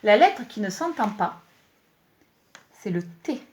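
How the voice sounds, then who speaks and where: Slow, lively-voiced woman teaching small kids. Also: mid-range voice. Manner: slow, clearly articulated, encouraging teacher talk. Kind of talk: home-schooling lesson video for young children.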